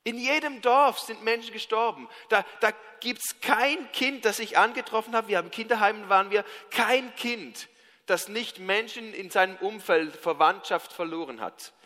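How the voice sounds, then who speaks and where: A man with a Swiss German accent preaching a sermon, telling humorous personal stories in a lively, animated, self-mocking way. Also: high-pitched, normal speed, in a large hall. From Switzerland.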